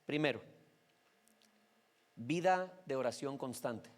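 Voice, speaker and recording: A man's voice: mid-range voice, expressive, slow. A male pastor with a Mexican Spanish accent, preaching a sermon in a conversational way and often checking in with his listeners.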